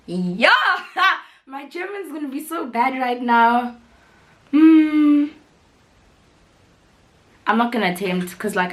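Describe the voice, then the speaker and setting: A young South African woman vlogging in a casual, chatty way, full of "like" and quick laughs, her voice rough from being sick. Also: medium pitch, a little hiss or hum. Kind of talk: casual chat to camera.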